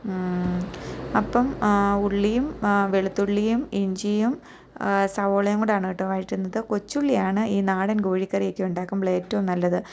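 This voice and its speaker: A young adult woman with a Keralite Malayalam accent narrates a home cooking video as a voice-over recorded on its own. Her voice sits at a middling pitch. She talks in an easy, chatty way and keeps inviting viewers to share their own experiences. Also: steady tone, moderate pace, gravelly, a little mellow. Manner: chatty, tags many sentences with a friendly aside, asks viewers to share. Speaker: cooking vlogger. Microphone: voice-over recorded separately.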